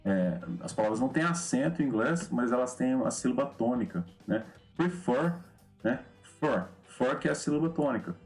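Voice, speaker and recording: A man's voice: medium pitch, lively intonation, fairly quick, darkish tone, soft background music. A man with a Brazilian Portuguese accent teaching an English grammar lesson in a loose, repetitive way, often checking in with "né?". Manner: loose, repeats words, often adds "né?". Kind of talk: recorded lesson explaining grammar.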